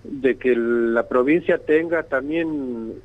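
A man's voice: medium pitch, takes it slowly. A man from Santiago del Estero, Argentina, with a local accent, speaking as an event organizer in a radio interview over a bad phone connection, hesitant and repeating words often. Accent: Santiago del Estero Argentine Spanish. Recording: tinny, choppy phone line.

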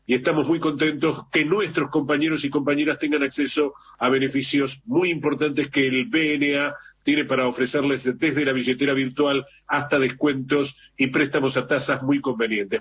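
A man with an Argentine accent hosting a morning radio news show, chatty and relaxed, often repeating and correcting himself. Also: medium pitch, moderate pace. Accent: Argentine Spanish. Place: radio studio. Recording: slightly muffled radio broadcast with faint hiss.

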